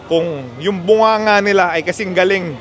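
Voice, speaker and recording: Brief: animated male host, high voice, faint street noise, casual storytelling. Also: normal speed. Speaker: motorcycle club host.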